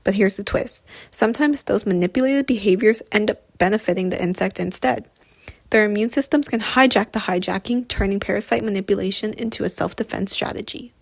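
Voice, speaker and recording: A woman's voice: medium pitch, a little fast, creaky, slightly rough, no room sound. A woman co-presenting with scripted, expository educational narration.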